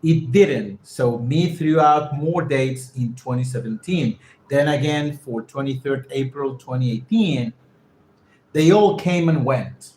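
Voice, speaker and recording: A man whose first language is Spanish reads an English passage aloud for learners, pausing often to define words and try their pronunciation. His voice sits at a middling pitch. It echoes around a reflective room, with a faint ambient hum underneath. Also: a little mellow. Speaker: English teacher reading a text aloud. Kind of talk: reading a text aloud and explaining vocabulary.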